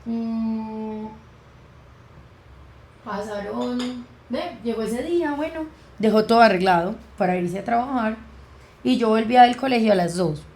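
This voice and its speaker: A woman's voice: on the high side, unhurried, darkish tone. A young woman with a Colombian accent, a podcast guest telling a personal story and acting out the dialogue as she goes. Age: young adult. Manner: vivid retelling that acts out quoted dialogue.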